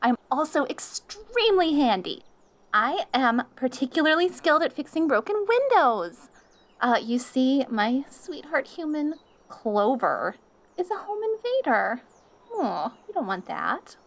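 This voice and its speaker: High-pitched, jealous, sweet-talking catgirl. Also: very animated, measured pace, full character voice. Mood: jealous, boastful. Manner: jealous, bickering, cutesy sweet-talk to a lover. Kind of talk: audio role-play acting.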